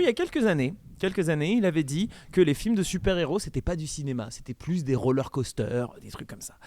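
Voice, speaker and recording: A man's voice: medium pitch, darkish tone, dry recording. A man hosting a casual podcast in an effusive, enthusiastic, informal way. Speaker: podcast host.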